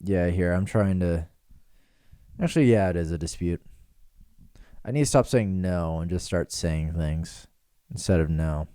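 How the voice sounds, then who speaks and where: A man's voice: deep voice, measured pace, long pauses, mellow, clear, resonant tone, no echo, studio quality. A man in his twenties hosting a podcast, rambling and riffing in casual joking chat in a small room with pillows dampening the sound. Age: 20s. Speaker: podcast host.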